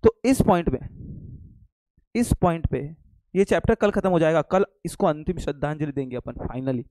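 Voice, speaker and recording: Young guy tutor teaching online, high pitched, teasing, keeps asking the class then answering himself. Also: moderate pace, warm tone, no room sound. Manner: playful, teasing, quizzes students and answers himself; mixes English phrases into his talk. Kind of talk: live online lecture with jokes.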